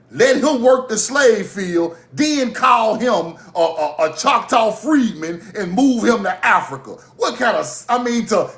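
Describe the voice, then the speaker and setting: A Mississippi livestream host holds forth in a heated monologue, his high voice climbing as he swears and laughs at his own points. It's an animated, profane rant, echoing around the room he's in.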